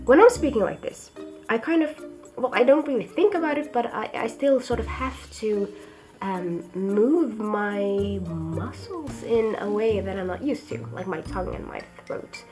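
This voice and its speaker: A lively, playful woman with a Swedish accent chats casually to camera as a vlogger, giggly and talkative despite being ill. Her voice is mid-range, and background music plays under it.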